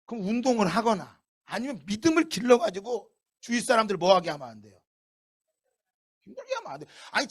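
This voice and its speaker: A middle-aged male pastor preaching a sermon in a lively way, breaking into shouts and acting out quotes. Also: extremely high pitch.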